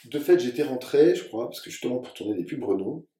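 A man from France, an actor, telling lively anecdotes in casual conversation and acting out other people's lines. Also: medium pitch, fast. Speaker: actor and guest. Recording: roomy sound from a distant mic.

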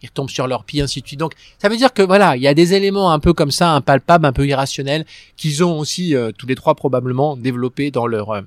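A man's voice: fairly high pitch, fast, no echo, clean studio sound. A man being interviewed about his career in business, talking in a conversational way and often repeating words and restarting his sentences. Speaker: guest, business executive.

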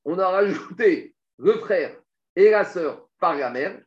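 Speaking slowly but with animation, a man whose voice sits high teaches a Talmud class. He goes through Aramaic passages step by step, questioning and then answering himself, captured in a dull, echoey room.

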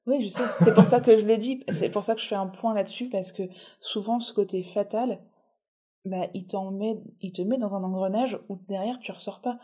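A husky woman with a warm, mellow voice. She hosts an interview podcast and talks thoughtfully and reassuringly. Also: mid-range voice, fairly even intonation, a little fast. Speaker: podcast host. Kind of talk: reflective interview conversation.

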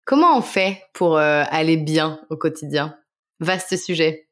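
Lower-voiced woman host asking questions. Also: animated, unhurried. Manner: friendly, familiar questioning. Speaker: podcast host. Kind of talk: casual conversational interview.

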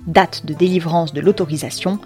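A woman's voice: fairly low pitch, normal speed, dark tone, soft background music. Wry woman narrating a second-person story. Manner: wry, ironic, slangy asides.

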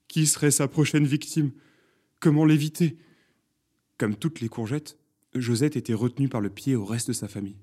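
A man reading a children's story aloud, with expressive, dramatic narration. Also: mid-range voice, breathy edge.

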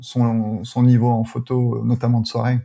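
Man guest in a podcast, mellow tone, gravelly voice, calm explaining. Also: mid-range voice, normal speed. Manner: explains calmly, with hesitations. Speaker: wedding photographer guest. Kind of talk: casual interview chat.

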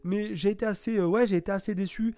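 A man's voice: high voice, fairly even intonation, fast talker, warm tone, dry recording. A man reviewing a video game in casual talk from home, hesitant and full of fillers and restarts. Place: home, at a computer.

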